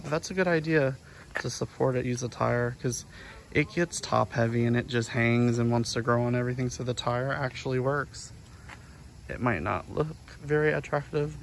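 A thirtysomething man's creaky, medium-pitched voice carries casual vlog narration as he films himself at a farm nursery outdoors. He holds the phone at arm's length, and faint outdoor noise runs underneath.

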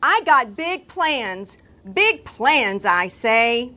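A woman's voice: on the high side, very animated, extremely slow, background noise, heavily acted. A woman voicing a boastful young boy with big plans in a storybook read-aloud, brash and sing-song.

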